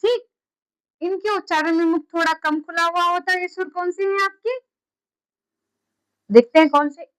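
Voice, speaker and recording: A woman's voice: extremely high pitch, normal speed, long pauses, rough recording. A woman teaching a class, repeating key terms and quizzing her students with questions. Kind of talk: classroom lecture.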